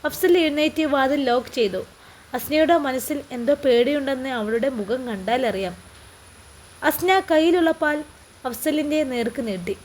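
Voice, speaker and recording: A woman's voice: high-pitched, animated, moderate pace, slight background noise. A woman with a Malappuram Malayalam accent narrating an emotional family story aloud.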